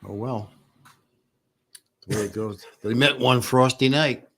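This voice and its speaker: A man with a deep voice and a dry throat, co-hosting a casual talk show with short laconic replies. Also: measured pace, fairly bright tone, slightly rough. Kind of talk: casual radio-style chat.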